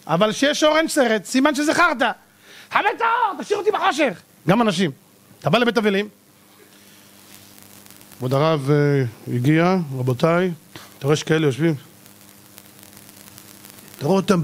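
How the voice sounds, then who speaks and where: A man's voice: sits high, expressive, long pauses. A man, a rabbi, giving a theatrical sermon who acts out the people in his stories. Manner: theatrical, acts out people with shouting and mocking voices. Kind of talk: animated Torah sermon.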